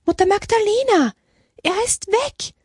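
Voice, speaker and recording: A woman's voice: medium pitch, big pitch swings, moderate pace, slightly rough, no echo, studio quality. A woman voicing a talkative young nun in a storybook, chattering and wide-eyed. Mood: upset.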